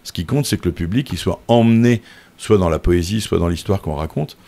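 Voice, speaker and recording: A man's voice: sits low, brisk, vocal fry. A man, a composer and choir leader, talking casually and animatedly, sometimes singing short example phrases. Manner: animated explainer who sings example phrases. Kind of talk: casual conversation.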